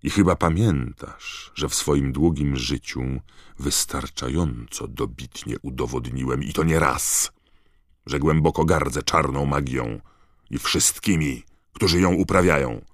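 A man's voice: rumbling low, measured pace, no echo, clean studio sound, heavily acted. A man voicing a cold, proud older ministry official in an audiobook, clipped and icy. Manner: icy, clipped, then shouting. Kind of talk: audiobook character voice.

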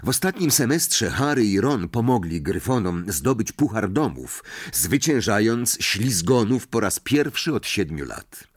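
A male audiobook narrator reading in a lively, expressive storytelling style. His voice sits fairly low, with wide pitch movement. The sound is close and dry, from a studio mic. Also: slightly rough, no room sound. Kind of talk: scripted narration.

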